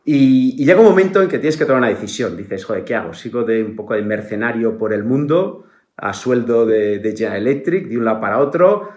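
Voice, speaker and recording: A middle-aged man from Spain with a Spanish accent, a podcast guest in casual conversation who talks haltingly with many restarts and filler tags. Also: mid-range voice, expressive, a little mellow. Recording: roomy echo.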